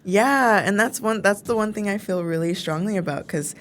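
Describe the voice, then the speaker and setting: A woman's voice: medium pitch, normal speed, a bit bright, slight background noise. A young woman in her twenties from the Chicago suburbs, co-hosting a casual chat and filling her talk with "like". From Chicago suburbs, United States. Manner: chatty, heavy use of filler "like". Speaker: co-host.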